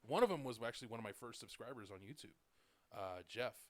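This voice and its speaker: A fast-talking male podcast host of about thirty-eight rambles through casual stories, dropping "like" and "dude" all over. His mid-range voice is a bit bright with lively intonation, captured in a dry recording.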